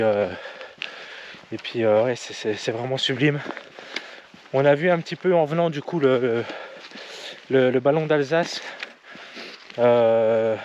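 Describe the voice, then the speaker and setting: A man narrating a casual hiking vlog outdoors, talking haltingly with many fillers and restarts. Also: mid-range voice, muffled recording, slight background noise. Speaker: hiking vlogger. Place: outdoors on a forest trail.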